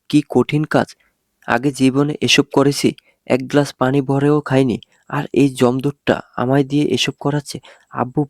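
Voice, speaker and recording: A man narrating a first-person romance story with an expressive, dramatic reading. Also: mid-range voice, dry recording, clean studio sound.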